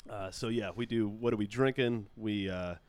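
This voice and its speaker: A man's voice: fairly low pitch, fairly even intonation, moderate pace, darkish tone, smooth, no room sound. A man hosting a casual podcast chat, joking, rambling and laughing often. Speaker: podcast host.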